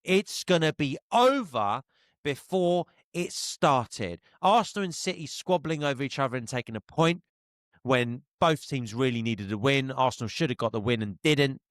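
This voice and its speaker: Brief: young male host, blunt football opinions, dry close sound, mid-pitched voice. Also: expressive, no room sound. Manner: blunt, opinionated, quick to laugh. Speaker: podcast host. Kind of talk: casual football chat.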